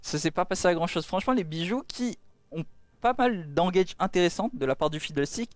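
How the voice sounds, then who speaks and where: A man giving excited esports caster play-by-play, full of repeated exclamations. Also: sits high, brisk, dry recording. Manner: exclamatory, with repeated cries of dismay and amazement.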